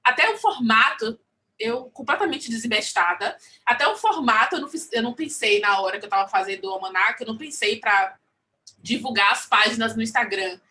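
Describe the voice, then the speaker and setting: A woman's voice: on the high side, animated, fairly quick, pushed and bright. A woman with a Brazilian Portuguese accent, a comics artist chatting casually on a panel in a rambling, self-mocking way.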